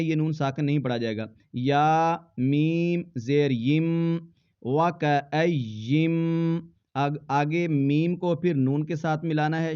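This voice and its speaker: A man teaching Quran recitation in a fairly high, smooth and resonant voice. He spells each word out letter by letter, then chants it slowly and draws it out. The sound is dull and lo-fi. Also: a little mellow. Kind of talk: slow spelled-out recitation lesson.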